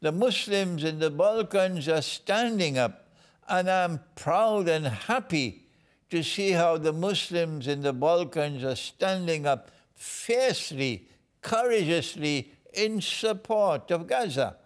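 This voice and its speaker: A man from Trinidad answers interview questions in a slow, deliberate way. His voice sits fairly high for a man, and he builds his points through preacher-like repetition. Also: expressive. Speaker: guest speaker.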